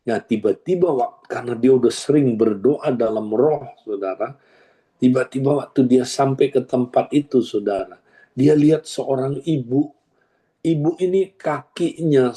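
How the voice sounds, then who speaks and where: Male pastor, mellow warm tone, animated sermon storyteller who keeps calling out to the congregation. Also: medium pitch, husky. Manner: animated storytelling, acts out dialogue, constantly addresses listeners.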